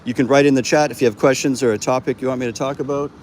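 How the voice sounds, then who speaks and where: A man chats loosely on a walk, with plenty of fillers and restarts. He speaks at a middling pitch for a man. His phone picks him up outdoors, and loud road traffic runs behind him. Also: steady tone, racing, low-quality recording. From Canada. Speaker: vlogger and host. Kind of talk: casual walking livestream chat. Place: outdoors on a busy roadside. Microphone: phone held while walking. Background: passing vehicles and street noise.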